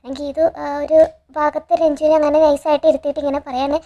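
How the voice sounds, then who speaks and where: Rapid high-voiced woman recapping a serial. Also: little pitch movement, warm tone, lo-fi sound. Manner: chatty, tags sentences with a friendly filler; quick, eager storytelling with quoted dialogue. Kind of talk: casual episode retelling.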